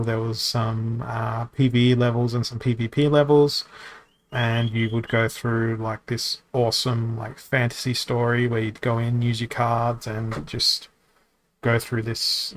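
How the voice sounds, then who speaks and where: A man with a middle-pitched, monotone voice hosts a casual live stream of a card game, talking loosely to viewers at a measured pace. He reads out their questions and answers them, rambling with lots of ums and restarts.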